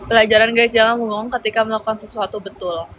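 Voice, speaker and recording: A young woman in a casual livestream chat, rambling along with slangy fillers as she answers viewer comments. Her voice sits a little high and sounds bright and forceful. A faint hum of noise runs behind her phone mic. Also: fairly even intonation, fast talker, poor audio.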